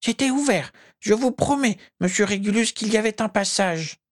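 A man voicing a small, frail, servile male house-elf who whimpers and pleads in a squeaky voice. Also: normal speed, natural voice. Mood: fretful. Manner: squeaky, whimpering, speaks of himself in third person.

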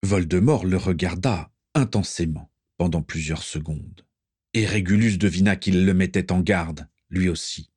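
A man narrating a story aloud in a steady, measured way. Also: sits low, breathy edge, dry recording, clean studio sound. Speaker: reader. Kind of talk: audiobook narration.

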